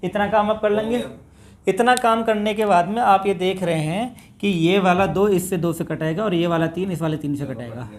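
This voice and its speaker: A man's voice: high-pitched, normal speed. A man with a north Indian Hindi accent, teaching a maths class step by step and addressing his students as "bhai". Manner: talks through steps, addresses students as bhai.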